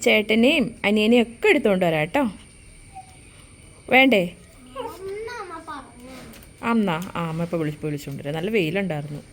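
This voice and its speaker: A woman chats casually into her phone camera, narrating chores and errands. She often slips into a high, cooing baby voice when she talks to her pets. Steady background noise and household sounds run under her voice. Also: normal speed, long pauses. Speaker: vlogger.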